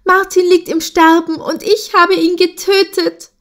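A woman voicing a gentle, timid young grey goose in an audiobook, speaking in a hurt, pleading way. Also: on the high side, a little slow, natural voice. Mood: panicked.

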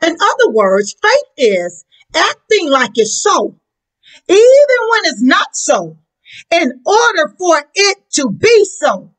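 An American woman preaches a sermon in a very high, lively voice that swoops widely up and down. She takes her time, and her words break into cries at the peaks. The passion stays in every phrase. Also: takes it slowly, low-quality recording. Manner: impassioned preaching, voice breaking and crying out. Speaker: pastor.

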